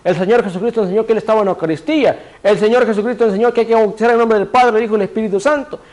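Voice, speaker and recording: Male preacher, high voice, sermon delivery, rhetorical questions answered himself, cues a reader to repeat verses. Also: very fast, darkish tone. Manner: asks the congregation rhetorical questions and answers them; directs a reader to repeat scripture phrases.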